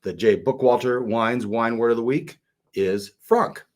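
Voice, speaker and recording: A middle-aged man co-hosting a wine podcast, talking casually with many fillers and restarts. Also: mid-range voice. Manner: chatty, halting with many fillers. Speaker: podcast co-host. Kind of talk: casual wine-tasting chat.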